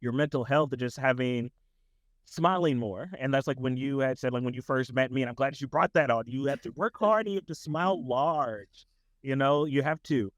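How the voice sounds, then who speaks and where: A man's voice: mid-range voice, moderate pace, dry recording. A man who works as a tutor director, talking casually as a podcast guest in a loose, rambling way full of "like" and restarts.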